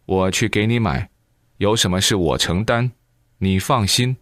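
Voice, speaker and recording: A man doing a gentle older gentleman, low and calm, dry close sound. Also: measured pace, no echo. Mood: reassuring. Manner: reassuring. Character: kindly elderly male host, calm and reassuring.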